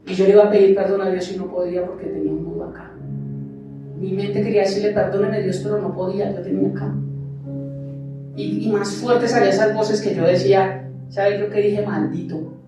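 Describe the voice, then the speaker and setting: A man preaches from the pulpit of a church, sharing personal testimony and throwing rhetorical questions at the congregation. His voice rings through a very echoey sanctuary and is picked up from a distance. Music plays clearly behind him. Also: high-pitched, level tone, a little fast. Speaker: pastor. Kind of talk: sermon.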